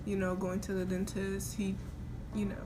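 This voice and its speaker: A woman's voice: medium pitch, completely flat delivery, normal speed, over music. A young adult woman chatting casually as a vlogger, telling a personal story in an informal, rambling way with a mouth sore from oral surgery. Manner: informal, rambling, quoting herself. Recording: noisy homemade recording with room ambience.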